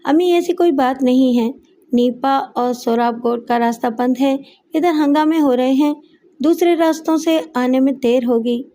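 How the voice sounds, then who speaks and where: A woman's voice: high-pitched, unhurried, dark tone, a little hiss or hum. A woman voicing a young factory worker who pleads and dodges questions in an audiobook story. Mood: pleading. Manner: pleading, evasive. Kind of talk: audiobook character voice.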